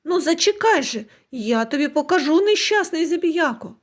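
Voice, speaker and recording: A woman plays a storybook landlord, arrogant and quick to anger, barking orders in a raised, blustering voice. The voice sits somewhat higher and louder than her plain narration. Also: expressive. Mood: angry commanding. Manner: commanding, blustering. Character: angry arrogant rich male landlord.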